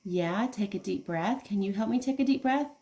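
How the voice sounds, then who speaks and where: A woman of medium pitch and mellow tone reads to young children at a moderate pace. As their teacher, she explains things plainly and asks them questions throughout.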